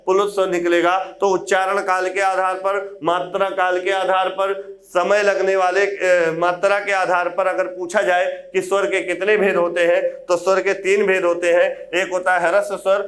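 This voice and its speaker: Male exam-prep tutor, high-pitched, even and flat in tone, drills students with question-and-answer. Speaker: Hindi grammar teacher. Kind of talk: exam-prep video lecture.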